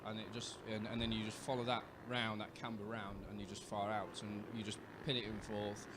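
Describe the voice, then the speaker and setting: British rider explaining racing lines. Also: male voice, fairly low pitch, fairly quick, background noise. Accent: British English. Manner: relaxed, explanatory, many fillers. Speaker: co-commentator and rider. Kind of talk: live race commentary. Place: outdoors at a racetrack.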